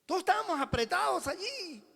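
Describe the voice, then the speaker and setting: A pastor with a strikingly high voice tells his testimony to the congregation, swinging from booming to hushed. His words ring out through the long echo of a church hall. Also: big pitch swings, brisk, vocal fry. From Peru. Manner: dramatic storyteller, swings between loud and hushed. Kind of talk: sermon with personal testimony. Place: church sanctuary.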